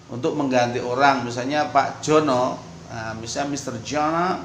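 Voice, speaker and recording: A man teaching an English lesson, slow and patient, repeating each sentence for learners. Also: mid-range voice, steady tone, fairly bright tone, slight background noise. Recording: echoey room, faint ambience.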